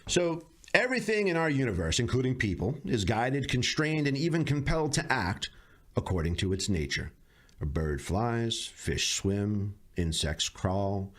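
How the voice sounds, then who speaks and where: A man hosting a podcast, giving a measured closing monologue of political commentary with dry sarcastic asides. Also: medium pitch, very animated. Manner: measured, deliberate delivery with slow emphatic pauses. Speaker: podcast host.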